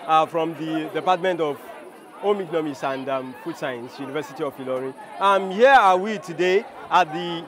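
Young Nigerian man, loud crowded market. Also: a little high, normal speed, a crowd in the background. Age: young adult. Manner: hesitant, self-introducing. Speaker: student exhibitor. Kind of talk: on-camera vox pop. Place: busy outdoor market.

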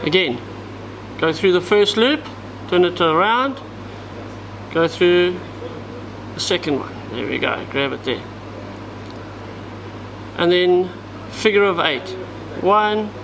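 Inside a tackle shop, with air-conditioning humming plainly in the background, a fishing tackle instructor demonstrates a knot one step at a time, narrating as he works with his hands. His voice is fairly high and bright for a man, and the audio quality is poor.

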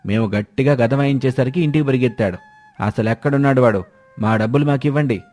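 A man's voice: medium pitch, quick pace, darkish tone, close to an everyday voice. A man voicing an angry village man who scolds and demands money back, with faint music behind.

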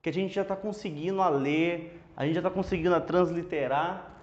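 Brazilian male teacher, fairly high voice, relaxed and chatty, walks through letters on a board, dull lo-fi sound. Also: normal speed. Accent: Brazilian Portuguese. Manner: relaxed, chatty, explains step by step. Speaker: Hebrew teacher. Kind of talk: casual lesson at a whiteboard. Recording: dull lo-fi classroom audio.

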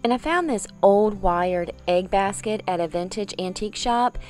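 Female home decor vlogger, middle-aged, mid-pitched, chatty and explanatory, music in the recording. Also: moderate pace, darkish tone. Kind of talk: room makeover tour presentation. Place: bedroom, indoors, for the on-camera part.

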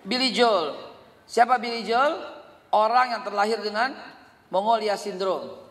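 A middle-aged man, preaching a sermon and telling animated stories about his family. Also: sits high, unhurried. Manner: animated storytelling, quoting family dialogue; sings snatches of a song. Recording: long hall reverb.

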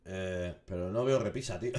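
A young man from giving casual, excitable commentary over his survival gameplay, swearing and shouting when something startles him. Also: mid-range voice. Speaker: gaming streamer.

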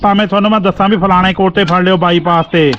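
Fast-talking, higher-pitched Punjabi man. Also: steady tone, a bit bright. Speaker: host of a village family vlog. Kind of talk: casual vlog chat. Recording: muffled audio with clear background noise.

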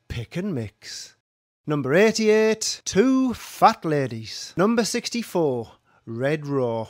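Slow sing-song bingo caller, a man. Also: a little high, no room sound, clean studio sound. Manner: sing-song calls, each number followed by its rhyme. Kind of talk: bingo number calling.

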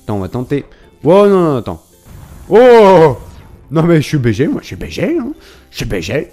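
An excitable man doing casual game commentary in a fairly high voice that leaps up and down. He talks in slang, cries out and swears at the screen, and reads the game's instructions aloud. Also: moderate pace, faint music behind. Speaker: gaming video creator. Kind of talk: casual let's-play commentary.

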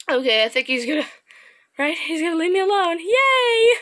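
A woman's voice: high voice, expressive, normal speed, fairly bright tone. A woman commenting on a horror game as she plays, often breaking into panicked screams and shrieks, her voice strained from all the screaming. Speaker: gaming video host.

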